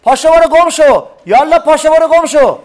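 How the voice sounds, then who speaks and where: A man's voice: sits high, lively intonation. A man voicing an angry, strict male schoolteacher who scolds a pupil in a read-aloud story. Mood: furious. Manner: scolding, shouting.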